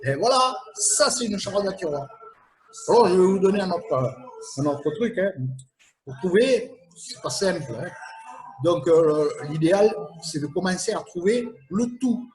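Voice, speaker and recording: A man's voice: sits high, lively intonation, measured pace, darkish tone, poor audio. A man hosting a casual quiz game, playful and teasing, chuckling at his own riddles. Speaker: host of a live quiz game.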